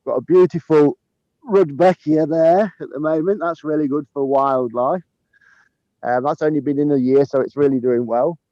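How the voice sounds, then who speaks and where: A man, a head gardener, talks through his plants outdoors in a sunny garden, filming on a handheld phone. His voice is dark and mellow and sits close and dry on the mic. The live stream audio is dull and lo-fi, and he chuckles easily between his ums. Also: a little high, steady tone, normal speed, dry recording. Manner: easygoing, chuckles often, many ums. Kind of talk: casual garden tour chat. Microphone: handheld phone camera while walking.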